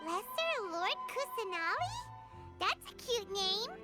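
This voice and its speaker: Squeaky, tiny fairy girl Paimon. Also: very animated, slow, loud music behind the voice, exaggerated voice. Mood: excited. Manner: cutesy, squeaky, refers to herself by name. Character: tiny, chirpy, childlike floating fairy companion girl. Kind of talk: scripted game dialogue.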